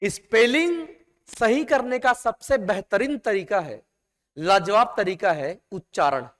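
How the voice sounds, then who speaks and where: A man teaching a class in a classroom, stretching out the words he stresses and calling his students "beta". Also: sits high. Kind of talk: classroom lecture. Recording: long hall reverb.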